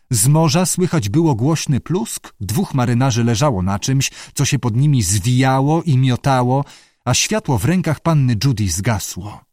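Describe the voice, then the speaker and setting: Expressive male audiobook narrator. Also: medium pitch, no room sound, studio quality. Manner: measured, expressive reading. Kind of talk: scripted narration.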